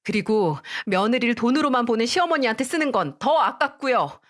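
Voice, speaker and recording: A woman's voice: fairly high pitch, lively intonation, brisk, voice pushed up, close to an everyday voice. A fed-up young wife who talks back defiantly, her voice raised and swinging widely, as a woman acts her out. It is a dramatized story read aloud. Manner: defiant, retorting.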